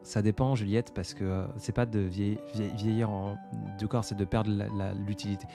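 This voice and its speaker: A man's voice: fairly low pitch, flat delivery, moderate pace, music in the background. A man in his twenties hosting a casual live stream, answering viewer comments in a hesitant, reflective way with many fillers. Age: 20s. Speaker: livestream host.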